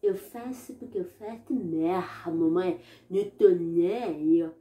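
A woman's voice: fairly low pitch, slow pace, dark tone, pitched below the performer's own voice. A woman voicing a rude, defiant little boy in a children's story, talking in a brash way. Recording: echoey room.

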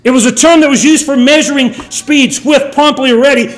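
A man's voice: very high voice, steady tone, normal speed, reverberant. A man preaching a sermon with emphatic, swinging delivery. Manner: emphatic, rising and falling delivery.

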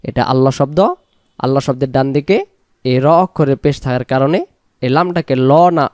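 A man teaching Quran recitation, spelling each word letter by letter and then chanting the verse slowly. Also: mid-range voice, a little mellow, clean tone, no room sound, studio quality.

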